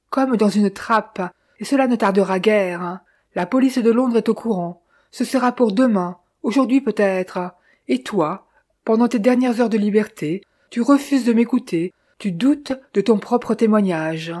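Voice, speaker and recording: A woman's voice: on the high side, mellow. A woman voicing Austin, a stern man pressing his brother to confess, who talks in an insistent, questioning way.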